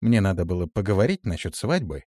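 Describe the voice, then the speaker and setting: A man narrating a fantasy audiobook in an expressive, varied delivery. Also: low-pitched, fast talker, no room sound, studio quality.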